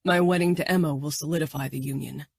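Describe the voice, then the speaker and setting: A woman's voice: sits low, fairly even intonation, quick pace, vocal fry, a little mellow, husky, no room sound, clean studio sound, full character voice. Woman doing a curt, guarded young man. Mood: firm.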